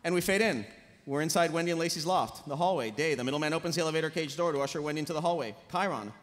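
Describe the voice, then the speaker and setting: In a large, noisy, echoey convention hall panel room, a man with a fairly high voice reads dramatic stage directions aloud at a live table read. He speaks rapid-fire into a table microphone.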